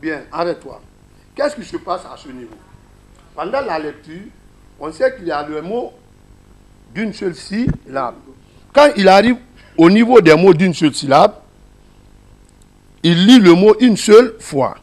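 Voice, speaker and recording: A man's voice: high-pitched, animated, a little slow, pauses often, a little mellow. A man with a Guinean French accent teaching a class, explaining a reading method step by step and asking his listeners questions.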